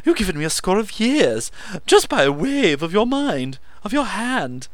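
A squeaky, shrill eccentric alchemist, bursting with manic excitement. He blathers breathlessly, his voice leaping high and loud, with a bright, sharp edge. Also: measured pace, no echo, full character voice.

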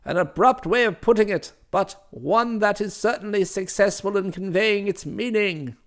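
Storybook role: imperious older matron, haughty and scolding, measured delivery, put on by a male reader. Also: high-pitched. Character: stern imperious older woman candidate.

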